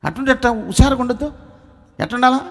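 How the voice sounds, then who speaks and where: A man preaching a revival sermon in a coastal Andhra Telugu accent, moving from quiet coaxing questions to the crowd up to loud shouted prayer. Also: extremely high pitch, animated, fast, vocal fry, in a large hall. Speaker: pastor.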